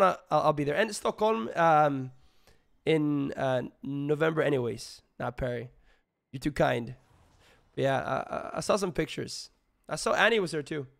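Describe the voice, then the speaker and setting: A man streaming live with a sick, hoarse voice, chatting casually with his viewers in a rambling way. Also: a little high, normal speed, pauses often. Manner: rambling, filler-heavy, greets chat.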